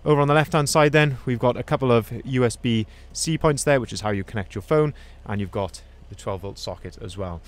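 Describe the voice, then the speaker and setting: A young man, a van sales manager, films himself first-person on a handheld phone outside at a dealership lot, doing an upbeat walkaround review. He's a cheerful salesman pointing out features and flaws, speaking briskly at medium pitch with hardly any pauses.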